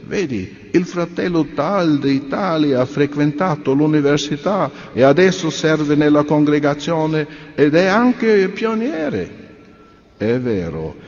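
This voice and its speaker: Slow earnest man giving a sermon. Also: on the high side, a little mellow. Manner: earnest, measured, rhetorical questions. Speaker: speaker at a religious convention. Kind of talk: delivered sermon. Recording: dull reverberant recording.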